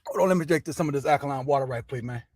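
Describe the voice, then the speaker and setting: Profane fast-ranting male sports host. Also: medium pitch, darkish tone, dry recording. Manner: loose, profane, says "man" constantly. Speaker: sports talk show host. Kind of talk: casual sports rant.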